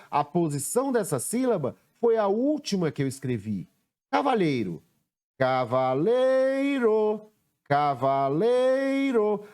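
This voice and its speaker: A male teacher with a Brazilian Portuguese accent giving a recorded lesson, slowly sounding out words and stressing syllables. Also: on the high side, darkish tone.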